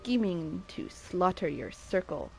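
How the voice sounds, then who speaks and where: A woman's voice: on the low side, lively intonation, measured pace, gravelly, darkish tone, faint music behind. A woman streamer giving casual, playful commentary while playing a game. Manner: chatty, playful asides.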